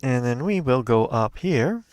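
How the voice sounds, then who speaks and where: A man's voice: mid-range voice, expressive, a little slow, no echo. A man giving casual gameplay commentary as a let's play host, thinking aloud and talking to his viewers.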